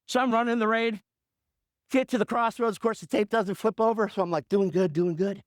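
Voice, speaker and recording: A man in his fifties, a coach and radio host, telling a motivational story in an animated way with punchy repetition. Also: sits high, fairly quick, dry recording, clean studio sound.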